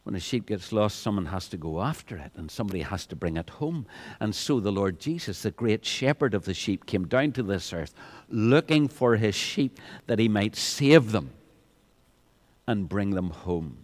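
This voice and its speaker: A man preaching an evangelistic sermon, often repeating words as he starts a phrase and rising to loud peaks. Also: on the low side, animated, moderate pace.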